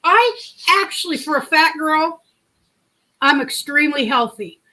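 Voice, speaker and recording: Animated yet measured in pace, a middle-aged woman hosting a livestream tells a wandering story and answers her chat. Her big, high voice comes across pushed and bright.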